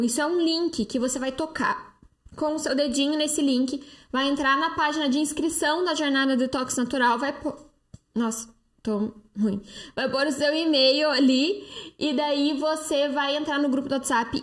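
A woman's voice: high voice, moderate pace. A woman with a Brazilian Portuguese accent, hosting a live stream and answering viewer comments in a chatty, persuasive way with frequent fillers. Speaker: live-stream host, detox coach. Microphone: phone close-up.

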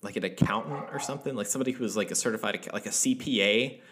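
A man's voice: fairly low pitch, racing, noisy background. A man co-hosting a casual podcast, explaining things at length with lots of fillers and restarts. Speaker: podcast co-host.

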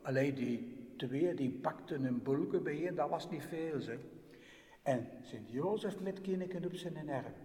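A man telling a story at a slow pace, with big swings between loud and hushed. His voice sits a little high. He is heard from far off in a hall with long reverb. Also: lively intonation. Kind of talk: spoken storytelling. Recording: distant voice in echoey hall.

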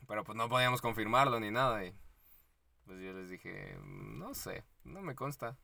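A man with a Mexican accent co-hosting a podcast, retelling a story in slangy, animated casual chat and acting out the quotes. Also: fairly low pitch, moderate pace, creaky. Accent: Mexican Spanish. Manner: frequent laughs and fillers like "este". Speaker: podcast co-host.

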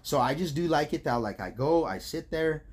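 A man's voice: a little high, animated, normal speed. An American man co-hosting a casual podcast, talking like a frat bro with lots of slang and swearing. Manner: frat-bro talk, slangy and heavily profane. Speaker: podcast co-host. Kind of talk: casual chat.

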